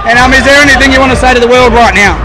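Very high-pitched man interviewing casually. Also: very fast, poor audio. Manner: informal, chatty, often ending with "eh". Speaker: roving interviewer and host. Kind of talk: casual street-style interview. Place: busy bar, indoors. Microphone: handheld interview mic. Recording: blaring music and crowd noise. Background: loud music, crowd.

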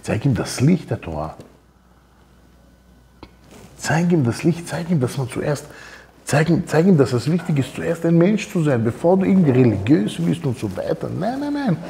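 A man's voice: fairly high pitch, normal speed, gravelly, slight background noise. A man giving an informal Torah talk, telling personal stories and acting out the dialogue in them. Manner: animated, acts out quoted dialogue. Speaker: Torah teacher.

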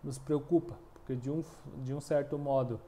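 Speaking in a mellow mid-range voice with fairly even intonation, a southern Brazilian union coordinator in his thirties fields interview questions. He's halting, with many fillers and restarts, and is miked with a lapel mic in a small indoor room by a plain wall.

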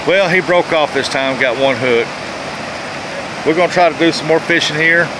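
Speaking at a fairly high pitch, a middle-aged man gives a casual, homespun chat for his outdoor fishing vlog. He's on a rocky riverbank with the phone held at arm's length, and rushing water and outdoor ambience make the recording noisy.

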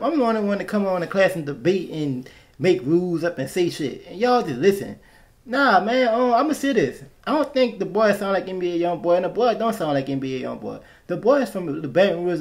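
A man hosting a music reaction video, talking casually in an animated, playfully scolding way and repeating himself often. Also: high voice.

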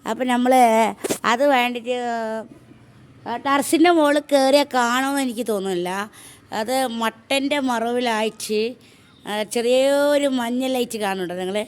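A woman's voice: on the high side, normal speed, long pauses. Chatty woman. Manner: chatty and homely, calls viewers her children. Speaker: home vlogger. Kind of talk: casual chat to camera.

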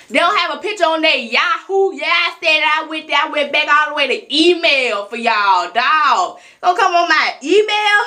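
A high, bright-voiced woman from Alabama talks with a thick Southern accent in a sassy, scolding vlog rant. She swings between loud, preachy outbursts and low mutters. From Alabama, USA. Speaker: YouTuber. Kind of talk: ranting straight-to-camera vlog.

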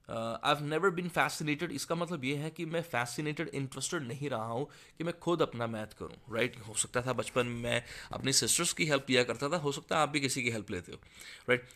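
A man teaching English exam speaking, slowly reading model answers and then explaining them quickly. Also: mid-range voice, bright, forceful tone. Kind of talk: spoken language lesson.

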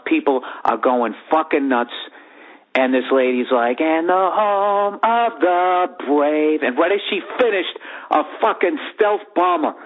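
A man hosting a podcast, telling a profane, rambling comic story in a lively way from his bedroom. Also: on the high side. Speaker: podcast host. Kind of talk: comedic storytelling monologue. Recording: phone-like lo-fi audio.

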